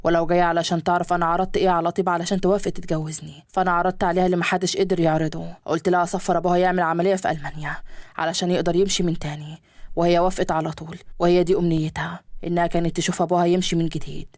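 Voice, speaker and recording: Woman doing an earnest young Egyptian son, guarded, very fast delivery, dry sound. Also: fairly low pitch, flat delivery, a little mellow, no room sound, voice pushed down, natural voice. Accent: Egyptian Arabic.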